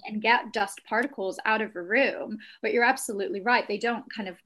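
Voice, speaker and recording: A woman's voice: mid-range voice, fairly even intonation, a little fast, a bit bright. A woman in her thirties from Texas with a blended Texan and British accent, a guest chatting reflectively over a video call with lots of "like" and "you know.". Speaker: guest, cactus shop owner. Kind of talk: casual interview chat.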